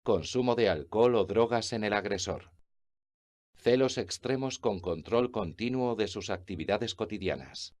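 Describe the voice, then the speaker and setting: A man reading informational text aloud in an even, list-like way. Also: on the low side, normal speed.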